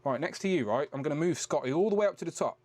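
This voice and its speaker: A man's voice: on the high side, animated, racing, darkish tone. A man hosting a casual live-stream chat, chatty and teasing, swearing casually as he greets his guests. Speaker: host.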